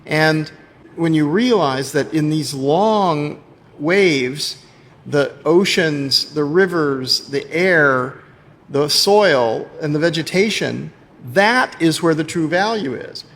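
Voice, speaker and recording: A man with a fairly high voice speaks very slowly and thoughtfully, stopping to restart his sentences. A long hall reverb and a faint ambience surround him. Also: expressive, fairly bright tone. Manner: slow, thoughtful, with repeated restarts. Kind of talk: panel discussion remarks.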